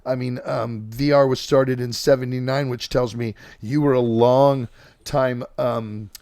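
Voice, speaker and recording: A man with a gravelly, rough-edged voice hosts a loose, enthusiastic interview, rambling and cursing casually. The sound is dry and close. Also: mid-range voice, steady tone, unhurried, darkish tone, no room sound. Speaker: podcast host.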